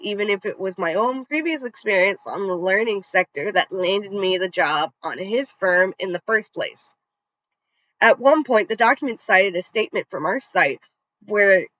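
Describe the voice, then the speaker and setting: In a mid-range, bright, forceful voice, a story channel narrator reads online revenge stories, tossing in casual asides and sometimes restarting a word after tripping over it. The recording is dry with no echo, dull and slightly lo-fi.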